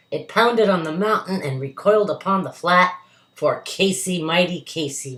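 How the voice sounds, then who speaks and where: A woman reading a verse story aloud to children with dramatic, emphatic delivery, recorded indoors at home. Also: fairly low pitch. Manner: dramatic, emphatic delivery with acted character voices. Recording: roomy, echoey home recording.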